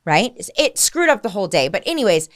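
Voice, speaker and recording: A woman's voice: medium pitch, sing-song, a little fast. A woman co-hosting a casual podcast as a real estate listing agent. She tells stories with quoted dialogue, laughs often and gives advice.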